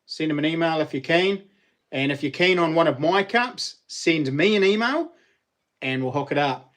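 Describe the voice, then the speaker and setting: A man's voice: fairly high pitch, animated, moderate pace, a bit bright. A man with a broad New Zealand accent hosting a casual live chat, talking to viewers in matey Kiwi slang. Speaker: live stream host.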